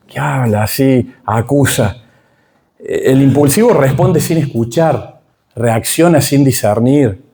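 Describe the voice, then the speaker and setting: A middle-aged man with a Rioplatense accent gives a Bible class lecture in a warm, mellow voice at a mid pitch. He speaks with emphasis and keeps asking his listeners rhetorical questions. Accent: Rioplatense Spanish. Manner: emphatic, checks in with the audience through rhetorical questions. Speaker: Bible teacher.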